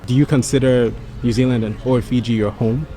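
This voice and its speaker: A man interviewing people on a city street, asking short, brisk questions. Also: mid-range voice, fairly even intonation, mellow, faint music behind.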